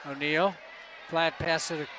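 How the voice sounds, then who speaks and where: A man announcing play-by-play at a local high school football game, calling each play and rising to shouts on big runs. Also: steady tone, unhurried. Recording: outdoor stadium with crowd and noise. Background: crowd and field noise.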